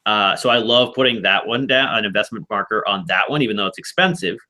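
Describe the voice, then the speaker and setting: A man's voice: fairly low pitch, fast, pushed and bright. A man hosting a casual online board game club, explaining rules and strategy in a rambling way with frequent restarts.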